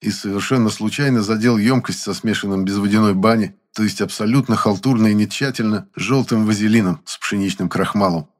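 A man's voice: fairly low pitch, fairly quick, few pauses. A man narrating an audiobook in the first person with a wry, ironic tone.

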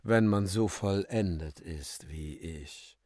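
A man reading a smug, self-satisfied gentleman in a radio play, speaking in a pompous, declaiming way. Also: sits low, takes it slowly, no echo, studio quality, pitched below the performer's own voice. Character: smug self-satisfied man who thinks himself perfect.

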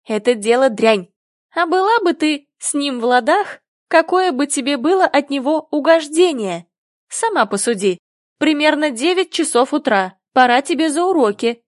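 A woman's voice: sits high, expressive, normal speed, no echo, clean studio sound. A woman reading the lines of a cheeky know-it-all boy in a storybook, teasing and mocking.

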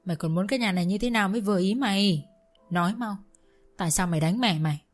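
A woman's voice: medium pitch, fast, soft background music, close to an everyday voice. A woman voicing an angry older father-in-law who scolds harshly and makes threats. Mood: furious.

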